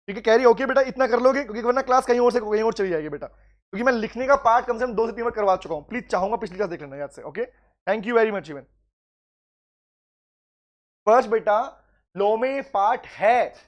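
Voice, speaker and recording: A man with an Indian accent teaching law in a live online class, calling students by name, reading questions slowly and then explaining. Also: very high voice. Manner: addresses students as "beta", mixes Hindi and English, reads questions aloud slowly.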